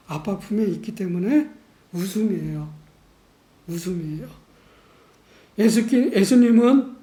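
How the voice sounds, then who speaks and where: A man preaching a sermon as pastor in a church, measured and unhurried, posing rhetorical questions to the congregation. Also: high-pitched, mellow. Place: church sanctuary. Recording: echoey church room.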